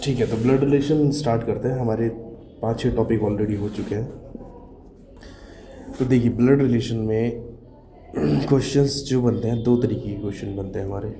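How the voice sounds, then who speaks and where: Male teacher, sore throat, talks slow and careful, echoey room with clear background noise. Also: mid-range voice, steady tone, mellow. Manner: slow, careful explaining with English terms mixed in. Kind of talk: recorded classroom lesson.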